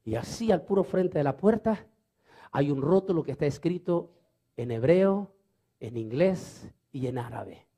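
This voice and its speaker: A man's voice: on the high side, lively intonation, measured pace, dark tone, slightly rough. A man preaching a storytelling sermon, fervent and repeating phrases for emphasis.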